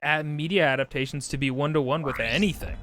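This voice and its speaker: A man's voice: fairly high pitch, fairly even intonation, quick pace, a bit bright. A man streaming a video game, chatting casually in a rambling, wry, sweary way. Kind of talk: casual game commentary and chat. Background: game music.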